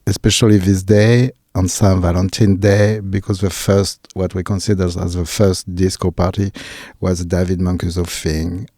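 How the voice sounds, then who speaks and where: A man with a French accent, a journalist guest speaking earnest, halting English on a radio show. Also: sits low, flat delivery, mellow, dry recording, studio quality. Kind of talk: casual interview talk.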